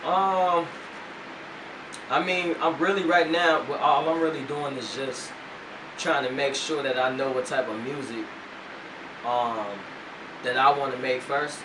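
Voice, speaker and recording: Speaking unhurriedly with long pauses and fairly even intonation, this medium-pitched young rapper is a laid-back interview guest leaning on slang and fillers. The casual chat was recorded in a radio studio, where a distant mic catches room echo and a noisy hum.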